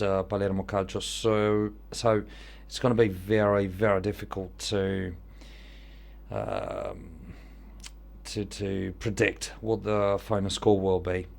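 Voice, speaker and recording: Italian guy, lowish voice, chatting thru his online football manager squad, weighing each pick. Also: measured pace, vocal fry. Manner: thinking aloud, weighing choices. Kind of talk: casual game commentary.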